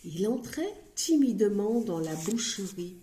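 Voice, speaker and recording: A woman reading a children's story aloud in an expressive, playful way, recorded in an echoey room. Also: medium pitch, a little slow.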